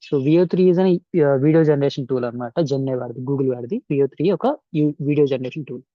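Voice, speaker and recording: A man with a Telugu accent narrates an informal, step-by-step software tutorial as an indoor voice-over for a screen recording, slipping between Telugu and English mid-sentence and repeating his instructions. His voice is medium-pitched, fairly quick and fairly even in intonation. The sound is lo-fi with no echo.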